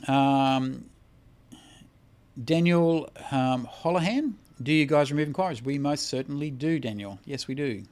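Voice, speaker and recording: A man's voice: mid-range voice, a little slow, darkish tone. Australian man, livestream host, casual chat Q&A, blunt and sweary, worn out. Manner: blunt and profane, swears freely. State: tired. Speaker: credit repair lawyer and livestream host.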